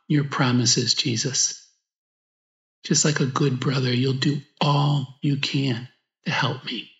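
A man with a medium-pitched, slightly bright voice leads prayer as a priest guiding meditation. He speaks slowly and reflectively, pausing between short phrases through spoken prayer and a gospel reading. The echoey room leaves the sound slightly dull.

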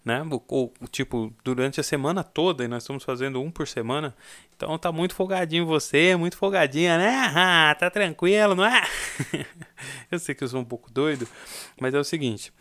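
A man's voice: medium pitch, a bit bright. A young Brazilian man giving a casual singing lesson, explaining and singing short demo phrases. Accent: Brazilian Portuguese. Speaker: singing teacher.

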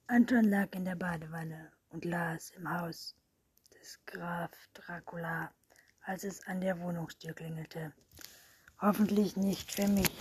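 Slow whispering woman reading a storybook. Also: lowish voice, breathy edge. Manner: hushed, slow and even. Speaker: narrator.

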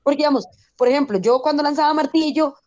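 A Costa Rican woman on a podcast, chatting casually and putting her points bluntly and emphatically. Her voice is high, and the recording sounds dull and muffled. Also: fast talker, darkish tone. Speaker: podcast guest. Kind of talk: casual chat.

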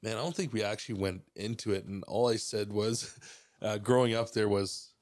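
A man from Mexico, a podcast guest, talking in a relaxed, rambling way with lots of fillers and restarts. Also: lowish voice, moderate pace, dry recording, clean studio sound. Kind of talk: casual podcast chat.

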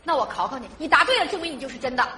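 A woman with a Northeastern Chinese accent playing a jumpy young woman who has just rented a flat, speaking briskly and bossily on a live stage. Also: high voice, full character voice. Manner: brisk, bossy, easily startled. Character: jumpy young woman renting the flat, fleeing a jealous boyfriend. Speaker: sketch comedy actress. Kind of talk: stage comedy sketch. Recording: live stage with audience noise. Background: audience laughter.

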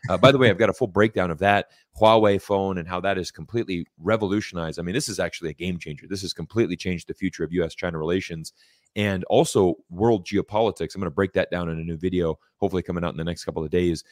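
An American man in his forties speaks in a lowish voice, pressing his points with emphatic repetition and frequent restarts. The recording is close and dry, with no room sound. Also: steady tone, fast, no room sound. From United States. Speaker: guest commentator. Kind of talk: casual interview talk.

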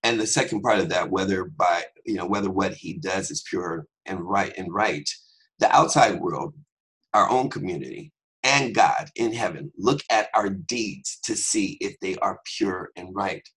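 A man giving a fast, conversational Bible teaching on a podcast, with joking asides. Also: sits low, fairly bright tone, husky, low-quality recording.

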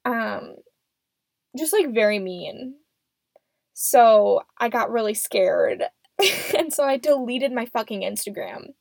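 A woman's voice: on the high side, lively intonation, slow pace, gravelly, long pauses, a little mellow, dry recording. A seventeen-year-old young woman hosting a casual, unscripted solo podcast in a rambling, self-deprecating way, recorded close and muffled in a closet. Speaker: podcast host. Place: small closet at home. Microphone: microphone.

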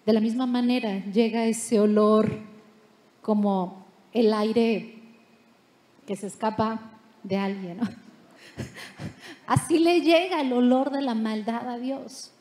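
High-voiced woman preaching. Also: slow pace, pauses often, reverberant. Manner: lively storytelling, playful asides. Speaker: pastor. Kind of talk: sermon. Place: church.

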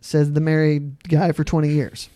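A man's voice: on the high side, monotone, normal speed, dark tone. A man in his thirties, a regular on a show, talking casually with friends. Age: 30s. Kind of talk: casual group chat.

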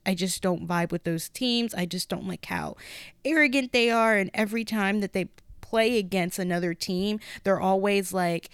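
A woman's voice: fairly low pitch, clear, resonant tone, no room sound, clean studio sound. A woman hosting a podcast in a casual, chatty, informal way, speaking with a lisp. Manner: informal, peppered with "like" and "you guys". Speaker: podcast host.

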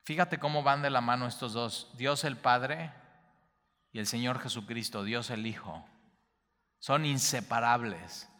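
Bright-voiced man preaching in a reverberant hall. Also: medium pitch. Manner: repeats key phrases for emphasis, addresses listener directly. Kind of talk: Bible teaching sermon.

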